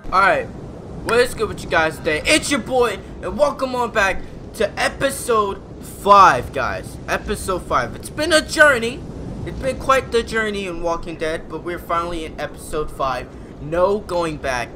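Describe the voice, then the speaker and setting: Excitable young man reacting to a game. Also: sits high, unhurried, slight background noise. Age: 20s. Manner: jumpy, excitable, shouts at the game. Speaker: let's play gamer. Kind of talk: reacting to gameplay.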